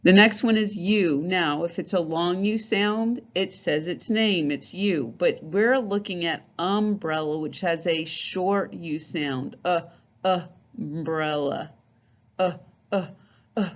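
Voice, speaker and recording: Slow, patient woman teaching letter sounds. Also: on the low side. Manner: slow, patient, repeats sounds many times. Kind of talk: phonics lesson demonstrating letter sounds. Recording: dull lo-fi recording.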